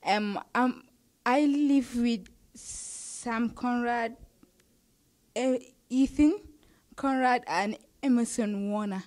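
Teen exchange student girl from Nigeria, unhurried and chatty, laughs through answers. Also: a little high, darkish tone. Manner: chatty, laughs while talking. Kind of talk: casual interview answers.

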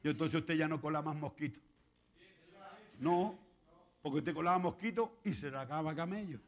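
High-pitched Chilean pastor preaching. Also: male voice, moderate pace. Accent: Chilean Spanish. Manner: swings from quiet asides to shouted preaching, acts out quoted prayers. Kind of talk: sermon. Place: church.

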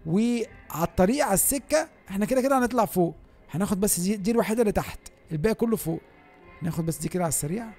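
A man with an Egyptian Arabic accent giving excitable, chatty gameplay commentary and talking straight to his viewers. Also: sits high, racing, soft background music. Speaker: gaming YouTuber.

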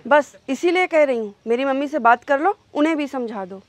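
A woman's voice: sits high, lively intonation, a little fast, a little hiss or hum. A woman playing a wife in a comedy sketch, insistent and taunting toward her husband. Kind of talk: scripted comedy sketch acting.

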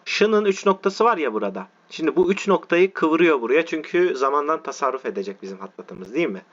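A male teacher giving an online lesson, walking through letter forms slowly and often checking that his listeners are following. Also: on the high side, big pitch swings. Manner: repetitive, checks in with "tamam mı arkadaşlar". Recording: dull lo-fi audio.

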